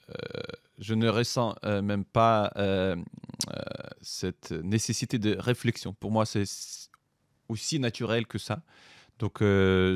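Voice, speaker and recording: Ukrainian guy speaking french, super low voice, slow and halting, lots of euhs, smooth dry sound. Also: darkish tone, dry recording. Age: middle-aged. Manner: hesitant, many pauses and fillers. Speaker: guest, writer and soldier. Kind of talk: podcast interview.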